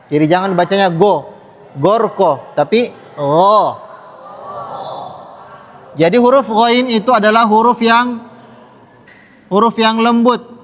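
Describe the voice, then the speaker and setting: A male Quran teacher, patiently explaining tajwid rules to a class and repeating the sounds for them to echo. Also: sits high. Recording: long reverb in a hall.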